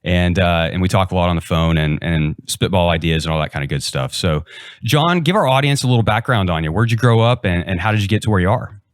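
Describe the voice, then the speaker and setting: A man's voice: low voice, lively intonation, quick pace, no room sound. A man hosting a podcast, introducing and questioning his guest in a friendly, easygoing way. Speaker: podcast host. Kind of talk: casual podcast interview. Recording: dry close sound.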